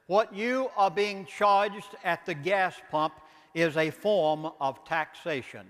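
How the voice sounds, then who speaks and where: A man's voice: sits high, takes it slowly, a bit bright, in a large hall. An older man with a Southern accent, a pastor giving an impassioned lecture, emphatic and pleading, asking rhetorical questions.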